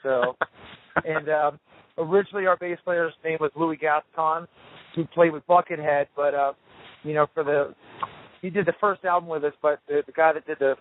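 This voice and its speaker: A man in a band, talking casually over the phone from a tour RV, relaxed and rambling with lots of fillers. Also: on the high side, moderate pace. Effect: heard over a phone line. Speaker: touring rock band member interviewed as guest. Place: tour RV on the road. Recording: tinny phone line.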